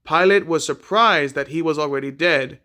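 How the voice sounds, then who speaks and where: A man reading a Bible chapter aloud in a plain, unhurried way, with a few small slips and repeated words. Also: a little high, sharp tone. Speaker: scripture reader.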